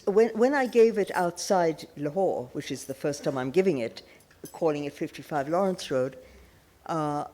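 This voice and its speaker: An older woman, born in Pakistan, giving an illustrated talk on a festival stage, telling her family story in a warm, personal way with small restarts. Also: deep voice. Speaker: festival panel speaker. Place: large auditorium stage.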